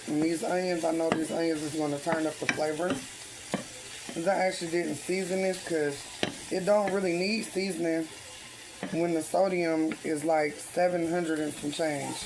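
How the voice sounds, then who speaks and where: A woman with a low voice talks in a loose, off-the-cuff way as a home cook. Her breathing is heavy, and there is clear sizzling kitchen noise behind her. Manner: breathing heavily; informal, off-the-cuff. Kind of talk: casual cooking chat. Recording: noisy kitchen, sizzling frying pan. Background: food frying and sizzling.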